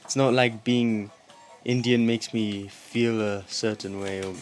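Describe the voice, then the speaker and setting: A man, answering interview questions in a thoughtful, hesitant way with frequent pauses. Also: on the low side, fairly even intonation, over loud music. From England. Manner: thoughtful, hesitant, many ums. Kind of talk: reflective documentary interview.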